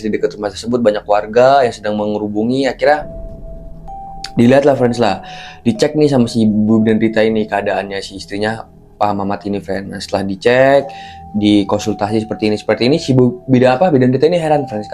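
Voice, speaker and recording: A man's voice: on the low side, mellow. Rambling man telling a horror tale. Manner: rambling, repeats phrases, keeps saying "friends". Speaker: horror storyteller. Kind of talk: casual spoken storytelling.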